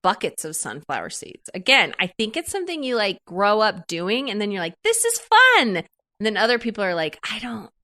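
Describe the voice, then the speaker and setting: A woman guest chatting casually, expressive with quick asides. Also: mid-range voice. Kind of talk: casual chat.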